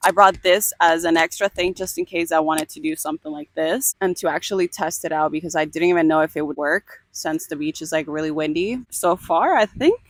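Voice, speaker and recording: A young Cuban woman vlogs candidly to camera outdoors by a beach, emotional and laughing often. Her voice is low-pitched and brisk with hardly any pauses, and the recording is dry.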